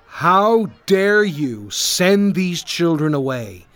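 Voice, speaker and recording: A man voicing a kind, firm grown man teacher in a children's story, speaking slowly and carefully. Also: medium pitch, animated, slightly rough, heavily acted. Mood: stern. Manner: slow and stern, then soft.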